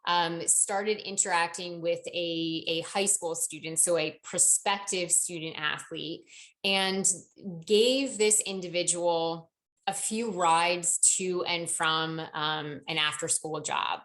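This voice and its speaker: Female compliance trainer for a corporate webinar. Lower register, conversational delivery, walks listeners through examples. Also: fairly even intonation, slow pace, a bit bright.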